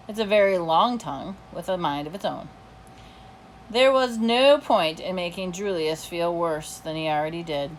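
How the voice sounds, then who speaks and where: A woman's voice: fairly low pitch, slight background noise. A woman reading a children's novel aloud, narrating chattily and expressively in the first person as a dog. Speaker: reader.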